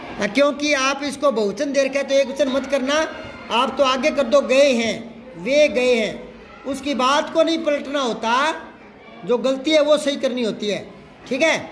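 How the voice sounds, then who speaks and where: A man's voice: very high-pitched, a bit bright. A male teacher, drilling a class on grammar and often repeating answers back as questions. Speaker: Hindi teacher. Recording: faint crowd and room noise.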